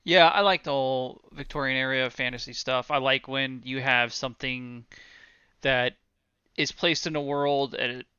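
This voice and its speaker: A man's voice: mid-range voice, fairly even intonation, moderate pace, pushed and bright, clean tone, dry recording, highs cut off. A man co-hosting a movie podcast, easygoing and thinking aloud. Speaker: podcast co-host. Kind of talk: casual movie chat.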